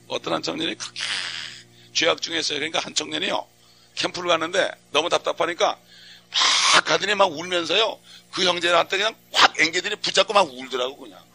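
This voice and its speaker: A man's voice: fairly high pitch, fast talker, vocal fry, bright, forceful tone, breathy edge. A middle-aged man preaching a fervent sermon as a pastor, full of rhetorical questions and acted-out prayers.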